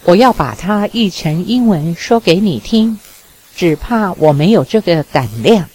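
A woman's voice: on the low side, animated, measured pace, darkish tone, slightly rough, poor audio. Woman reading as a teasing young charmer. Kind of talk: audiobook reading.

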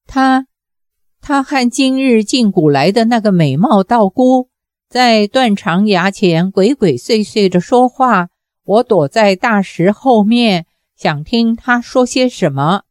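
A woman's voice: mid-range voice, animated, takes it slowly, a little mellow, no echo, studio quality. A woman voicing a frightened young daughter who stammers and hesitates. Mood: hesitant.

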